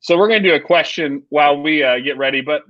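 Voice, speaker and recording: Man, host, slightly high voice, playful, video call, dull lo-fi audio. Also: quick pace, dry recording. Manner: loose, playful. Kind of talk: casual faith chat. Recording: dry, dull lo-fi sound.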